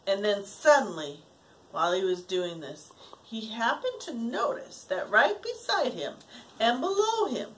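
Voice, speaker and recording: The older woman's voice is fairly high and unhurried, caught on a rough home recording with steady background noise. A grandmother, she reads a children's story with dramatic gasps and hushed moments, stopping to ask her young listeners questions.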